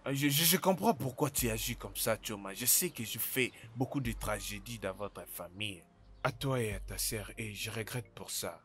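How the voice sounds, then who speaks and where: A man's voice: on the low side, normal speed, fairly bright tone, a little hiss or hum, natural voice. A man playing a former village thief who begs a woman to help his sick mother, pleading and stammering, in a French-dubbed film. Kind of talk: Nollywood film dub in French.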